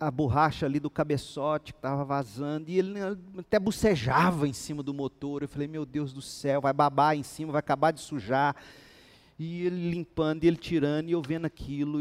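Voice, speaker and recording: Pastor guy preaching, fairly high voice, lively storytelling, acts out the dialogue. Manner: animated storytelling, acting out dialogue. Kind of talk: sermon.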